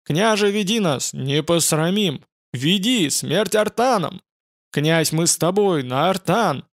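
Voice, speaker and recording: A man voicing a war-hungry crowd chanting slow, drawn-out battle cries. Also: a little high, expressive, fairly bright tone, clean tone, no room sound, studio quality.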